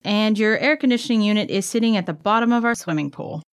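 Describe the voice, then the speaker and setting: A woman's voice: medium pitch, fast, clean tone, lightly acted. A woman playing an aggrieved neighbor in an audio drama, mock-casual and pointedly sarcastic.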